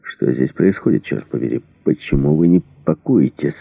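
A man voicing a blustering male officer who fakes cheerful joy, loud and strained, going high. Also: animated, normal speed, creaky, breathy edge, no echo, heavily acted. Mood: annoyed. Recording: dry, tinny phone-like sound.

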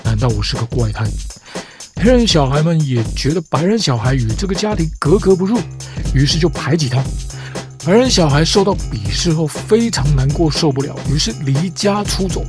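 The host of a comic storytelling show, this woman speaks in a low, expressive voice at a moderate pace. Her delivery is a scripted, argumentative lecture, each point closed with a rhetorical question, with music playing behind her.

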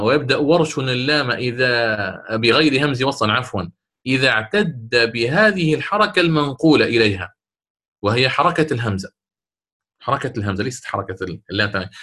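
A man, a sheikh, explaining a recitation poem in a lesson, chanting the verses slowly and checking his listeners with quick questions. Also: mid-range voice, pushed and bright. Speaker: sheikh teaching Quranic recitation.

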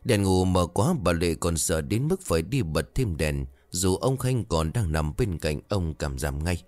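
A man's voice: low voice, animated, measured pace, darkish tone, dry recording. A man narrating a scripted ghost story, raising his voice for the characters' frightened lines.

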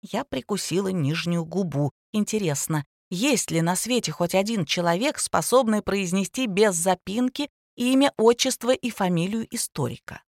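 A woman narrating an audiobook in an even storytelling manner. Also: mid-range voice, moderate pace, few pauses, no room sound, studio quality. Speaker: audiobook reader. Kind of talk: scripted narration.

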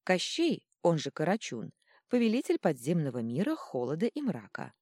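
A woman's voice: fairly low pitch, huge pitch swings, moderate pace, darkish tone, husky, no echo, clean studio sound, full character voice. A woman doing a smug, teasing chaos godling. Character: mischievous invisible male chaos godling.

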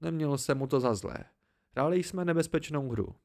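Gravelly-voiced man reading an audiobook. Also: fairly high pitch. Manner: calm first-person storytelling. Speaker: audiobook reader. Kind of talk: amateur audiobook narration.

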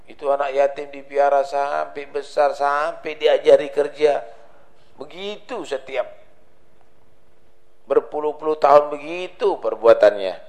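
Male preacher, slow and gravelly, dramatic storyteller who voices his characters. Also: fairly high pitch, a little mellow. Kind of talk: dawn sermon with storytelling.

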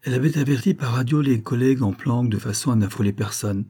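A man narrating a crime novel in a calm, measured reading. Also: mid-range voice, slightly rough. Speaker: audiobook narrator.

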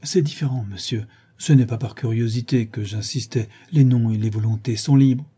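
A man's voice: medium pitch, normal speed, mellow, slightly rough. A man voicing a nosy, self-important old male porter who talks in a prim, fussy way. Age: older.

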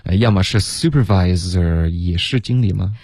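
A deep, low-pitched man leads a bilingual radio English lesson. He explains pronunciation patiently, step by step, drawing out his demonstrations. The studio sound is dry and close. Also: moderate pace, a little mellow, no echo. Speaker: English teacher.

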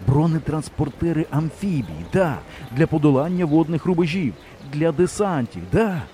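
Man, audiobook narrator, expressive storytelling, dark mellow voice, lively intonation. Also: fairly high pitch, moderate pace, a little hiss or hum. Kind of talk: scripted narration.

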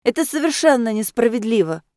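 A woman voicing a sharp-tongued teenage girl dressed as a butterfly, who grumbles sullenly. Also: fairly high pitch, sing-song, a little fast, no room sound, clean studio sound, pitched above the performer's own voice. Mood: sulky.

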